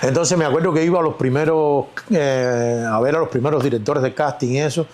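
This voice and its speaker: Over music, a Cuban-accented actor chats in a casual interview, speaking a little fast in a mid-range voice. He's reflective and storytelling in manner, with plenty of fillers.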